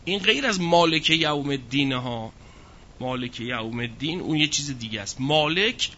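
Man, religious lecture, scripture verses recited slowly, rhetorical questions, bright tone, muffled lo-fi recording. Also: a little high. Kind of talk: Quran exegesis lecture. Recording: dull lo-fi recording.

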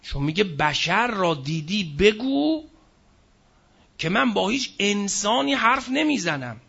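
A man with a high-pitched, gravelly voice gives a scripture lecture, slowing down to recite verses before explaining them. His tone is bright and a little husky, and he often asks the audience a question and then answers it. The recording sounds muffled and lo-fi. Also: sing-song. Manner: recites Arabic verses slowly, then explains in plain speech. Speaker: preacher. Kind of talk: Quranic exegesis lecture.

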